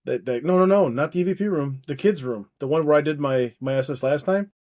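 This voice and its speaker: A man's voice: a little high, fairly quick, a little mellow. A man co-hosting a casual podcast chat, talking in loose, rambling bursts with frequent restarts. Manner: rambling, many restarts, laughs easily. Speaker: podcast co-host.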